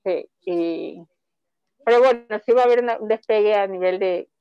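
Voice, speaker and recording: A woman's voice: medium pitch, normal speed, clear, resonant tone. A woman author from Ecuador talks about her comics in a loose, rambling way, often breaking off and starting again. The sound is dull and lo-fi. The room is very dry, with no echo. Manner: chatty, rambling with many restarts. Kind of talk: online book fair presentation.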